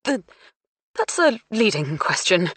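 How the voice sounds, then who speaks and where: A woman's voice: deep voice, expressive, extremely slow, pushed and bright, husky, no echo, exaggerated voice. A woman reading an audiobook, voicing a timid male solicitor who stammers and hesitates. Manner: hesitant, stuttering.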